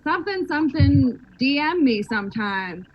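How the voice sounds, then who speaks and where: Woman, high voice, lively, casual chat, faint noise behind. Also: moderate pace, dull audio. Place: video call.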